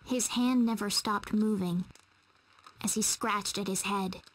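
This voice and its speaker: A woman reading a story narration in a measured, storytelling voice. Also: medium pitch, fairly even intonation, slight background noise, close to an everyday voice, rough recording.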